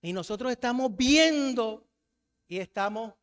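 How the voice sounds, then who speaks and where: High-voiced Colombian preacher in a reverberant church. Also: male voice, animated, unhurried, fairly bright tone, clean tone. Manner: asks the congregation rhetorical questions and has them answer. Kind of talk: sermon.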